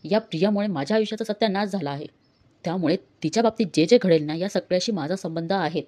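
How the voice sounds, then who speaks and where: A woman doing a spiteful sneering young woman, fast, dark tone. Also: fairly low pitch, lightly acted. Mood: scornful.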